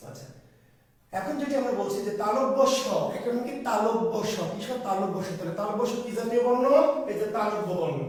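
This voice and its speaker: A male teacher lectures a class in a high-pitched voice, firing questions and answering them himself. He is recorded from a distance. The classroom rings with heavy echo. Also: darkish tone. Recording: echoey room from far off.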